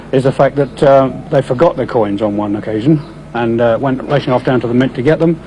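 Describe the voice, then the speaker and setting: A mellow-voiced older Englishman explains things informally in an interview. He is hesitant, with small asides, recorded on location in the 1970s with faint noise behind him. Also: mid-range voice, low-quality recording. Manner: hesitant, genial asides like "you see". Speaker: local interviewee explaining a town tradition.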